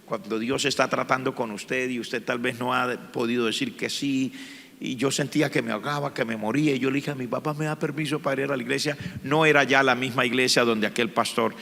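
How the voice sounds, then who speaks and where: A man, a pastor, telling his testimony in a sermon, speaking with strong emotion and sudden loud swells. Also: mid-range voice, vocal fry. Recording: long hall reverb.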